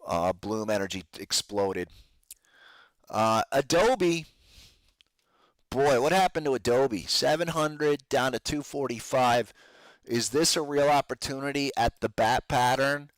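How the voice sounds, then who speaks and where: The host of a trading podcast, speaking a little slowly in a medium pitch, gives casual live commentary on the stock market with no room sound in the recording. Strained and failing, his voice carries informal trader slang as he calls his audience "guys."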